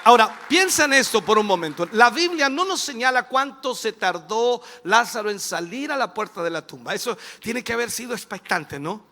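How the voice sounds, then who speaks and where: A Chilean bishop delivers a sermon, his high voice leaping all over its range. He preaches dramatically, going quiet and then bursting into shouts. A gravelly rasp runs through his speech. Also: moderate pace, few pauses. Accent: Chilean Spanish. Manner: animated, dramatic, swings from hushed to shouting. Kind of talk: televised sermon.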